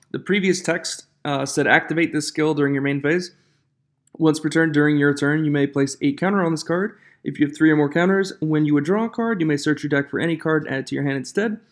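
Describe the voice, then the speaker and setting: Male online host, slightly high-pitched, casual and opinionated commentary, echoing room sound on a stand-in mic. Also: creaky. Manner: informal, opinionated, reads card text aloud. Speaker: YouTube host of a trading card game channel. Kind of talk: casual news commentary to viewers. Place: echoing room outside the usual studio. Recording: echoey room, makeshift microphone.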